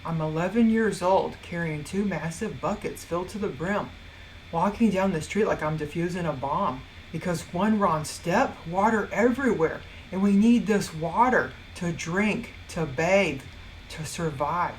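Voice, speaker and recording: A woman's voice: on the low side, measured pace, slight background noise, rough recording. Wry woman telling a personal story. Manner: wry, self-mocking humor with dramatic swings. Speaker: motivational speaker and blogger.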